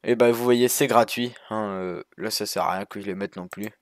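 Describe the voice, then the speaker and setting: A man's voice: fairly low pitch, fairly even intonation, normal speed, no room sound, studio quality. A man casually narrating a walkthrough of a sailing game over his screen, rambling with many fillers and restarts. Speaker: gaming youtuber.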